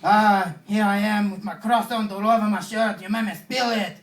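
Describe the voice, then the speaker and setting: A man playing a small, hotheaded French man who yells threats in a loud, exaggerated mock French accent. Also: high-pitched, steady tone, moderate pace, voice pushed up, lightly acted. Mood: indignant. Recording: roomy and distant phone recording.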